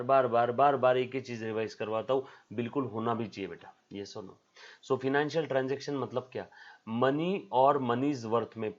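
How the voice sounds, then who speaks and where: A man teaching a commerce class on video, repeating his points over and over and calling the students "beta". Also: mid-range voice. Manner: repetitive, drilling, calls students "beta". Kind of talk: recorded video lecture. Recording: slightly dull lo-fi sound.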